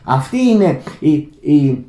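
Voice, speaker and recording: A man's voice: fairly high pitch, sing-song, warm tone, echoey room. A Greek man talking unscripted to his viewers, rambling with many restarts and calling out to his friends. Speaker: channel host. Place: Germany, indoor room.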